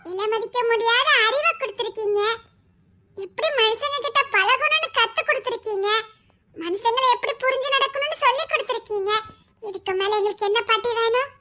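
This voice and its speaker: A woman's voice: very high-pitched, brisk, bright, forceful tone. A woman playing a devoted young granddaughter who speaks with a Tirunelveli Tamil accent, pleading and adoring in a comedy skit.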